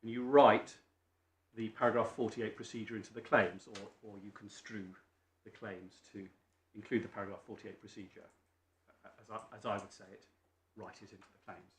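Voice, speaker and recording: A British man making formal legal submissions as a barrister, deferential and learned, often halting and repeating his phrases. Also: on the low side, flat delivery. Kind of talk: formal courtroom legal argument. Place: indoor courtroom. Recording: echoey courtroom with faint background noise.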